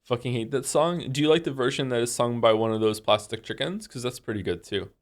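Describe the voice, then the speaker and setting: This congested-sounding man, roughly forty, is a game streamer talking casually to his live audience at a brisk clip. His speech wanders, packed with fillers and false starts, and carries a low-key, mildly self-deprecating air.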